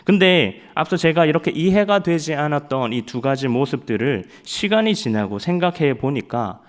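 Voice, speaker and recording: A young man preaching a sermon, telling stories in an animated way and acting out loud quotes. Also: fairly high pitch, moderate pace. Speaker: evangelist preaching at a Friday night prayer service.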